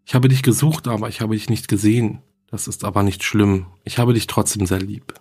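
A man's voice: fairly low pitch, a little fast, darkish tone, breathy edge. A man reading the diary entries of a frightened young schoolgirl who writes to her dead mother.

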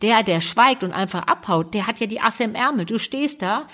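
A woman co-hosting a conversational talk show as a relationship expert, talking in a lively, animated way and acting out quoted voices. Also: a little high, normal speed. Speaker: podcast co-host, relationship expert.

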